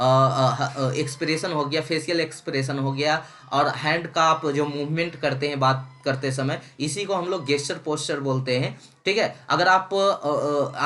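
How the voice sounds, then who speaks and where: A man's voice: fairly high pitch, fairly bright tone, slight background noise. A young man giving a recorded engineering lecture, mixing English terms into his talk and checking in with his students often. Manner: repeats "ठीक है" often, reads English lines slowly. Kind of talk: recorded online lecture in Hindi-English mix.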